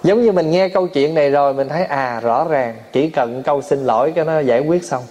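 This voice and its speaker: A man's voice: fairly high pitch, brisk, darkish tone, slight background noise. A man giving a Buddhist sermon, telling everyday stories and acting out family arguments with frequent laughter. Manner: storytelling, acts out family quarrels, laughs often. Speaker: Buddhist monk giving a dharma talk.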